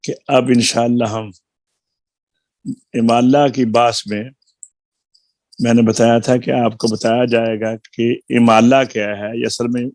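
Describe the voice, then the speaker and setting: A middle-aged man teaching a recorded Quran recitation lesson, patiently explaining and slowly spelling out syllables. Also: mid-range voice, a little mellow, no echo. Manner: slow, deliberate spelling-out of sounds and syllables; patient explaining, repeats key points.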